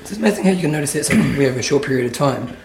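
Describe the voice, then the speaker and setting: Fast-talking, blokey New man. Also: mid-range voice, expressive, vocal fry, darkish tone, reverberant. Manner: blokey and informal, calls people mate. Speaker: interviewer at a triathlon training camp. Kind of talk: casual, chatty interview.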